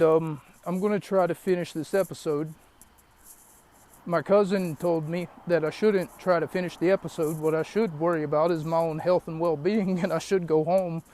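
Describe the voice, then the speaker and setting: A man's voice: fairly high pitch, a little mellow. A young man hosting a solo podcast from his parked car, rambling and shaken, catching his breath between fillers. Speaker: podcast host. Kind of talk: solo podcast, wrestling recap. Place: parked car in an empty lot.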